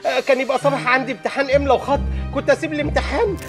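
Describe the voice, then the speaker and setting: An actor with an Egyptian accent playing a timid, boastful young stunt double, rambling nervously. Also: male voice, very high-pitched, steady tone, very fast. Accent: Egyptian Arabic. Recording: film soundtrack with music behind.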